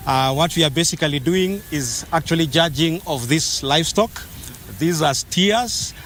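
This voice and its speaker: A man with a Kenyan accent explaining his judging work in a live interview, hesitant and deliberate. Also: a little high, fairly bright tone, a little hiss or hum. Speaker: livestock judge being interviewed.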